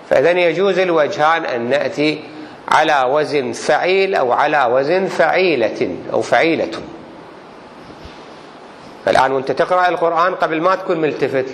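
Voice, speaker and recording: A man teaching a grammar class as a religious teacher, explaining slowly and deliberately with examples. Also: a little high, fairly bright tone. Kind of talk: classroom lesson on Arabic grammar. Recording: reverberant hall, faint background noise.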